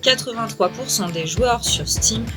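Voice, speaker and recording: A woman's voice: fairly high pitch, measured pace. A middle-aged woman hosting and narrating a video game review. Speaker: video host. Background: music.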